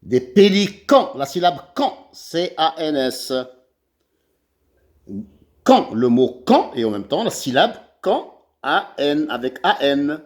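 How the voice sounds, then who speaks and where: A man's voice: a little high, sing-song, slow pace. A man with an Algerian French accent teaching a children's reading lesson, spelling out syllables letter by letter. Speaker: primary school teacher.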